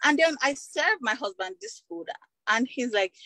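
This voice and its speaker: A woman's voice: high voice, animated, moderate pace, bright, forceful tone, dry recording, poor audio. A Nigerian woman recounting a painful personal story as an interview guest, speaking emotionally and often ending with "you get".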